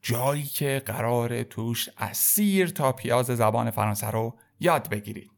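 A man hosting a language lesson podcast, drawing out model words slowly and calling his learners "kids" in a friendly way. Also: medium pitch. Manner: slow, drawn-out model words for repeating. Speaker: podcast host and French teacher.

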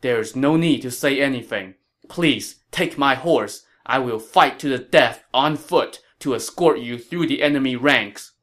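A man's voice: mid-range voice, a little slow, a bit bright, lightly acted. A man voicing a loyal male general who speaks earnestly and urgently. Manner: earnest, urgent, stern when pressed.

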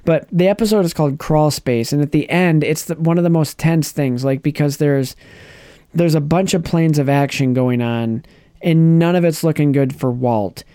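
Man, casual podcast chat, animated retelling, smooth, dry close sound. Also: fairly high pitch, normal speed, dry recording. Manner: animated storyteller, acts out characters' lines, restarts often. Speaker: podcast co-host. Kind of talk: casual chat recapping a TV episode.

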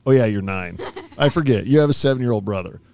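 A man's voice: mid-range voice, expressive, fast talker, gravelly, crowd noise. Playful father teasing his daughter. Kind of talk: casual chat.

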